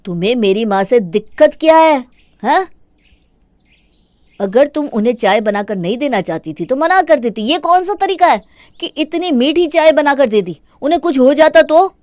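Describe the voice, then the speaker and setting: A woman voicing an angry young man who scolds and shouts at his wife for his mother's sake in a cartoon. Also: high voice, lively intonation, moderate pace, dry recording, clean studio sound, voice pushed up. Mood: scolding.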